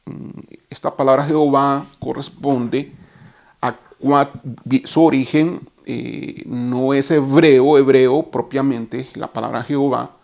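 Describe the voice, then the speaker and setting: Guy giving a bible lesson, talks real slow, careful, fixes his own slips. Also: medium pitch, fairly even intonation, gravelly, a little mellow. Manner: deliberate, explains term by term, corrects himself. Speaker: Bible teacher.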